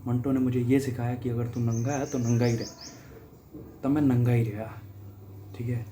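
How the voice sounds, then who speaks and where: Warm and mid-range, his voice barely shifts in pitch as this young man from Haryana, India, talks at a normal speed over slight background noise. The guest reader shares, casually and reflectively, how a writer shaped his life, with small laughs and restarts.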